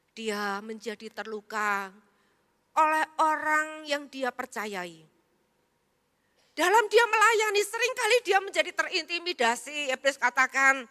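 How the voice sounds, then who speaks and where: A woman pastor preaching a sermon, dropping to hushed tones and then rising to loud, emphatic peaks. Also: high-pitched. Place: large church hall. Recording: echoey church hall.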